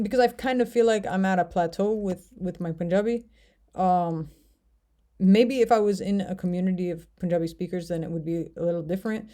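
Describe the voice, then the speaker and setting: A woman from the United States with a warm, fairly low voice vlogs casually about learning languages. Her delivery is hesitant and meandering, heavy with fillers.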